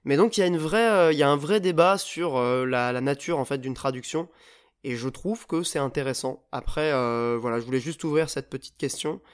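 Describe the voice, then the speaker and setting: A man's voice: medium pitch, a little fast, smooth. A man hosting a casual podcast chat, talking hesitantly with many filler sounds and restarts. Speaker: podcast host.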